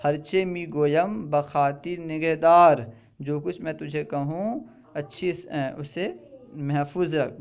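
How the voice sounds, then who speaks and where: A man's voice: on the high side, vocal fry, a little mellow, clear, resonant tone. A man teaching a lesson. He reads each phrase aloud, then repeats it and explains it word by word. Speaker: religious school teacher. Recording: dull lo-fi recording.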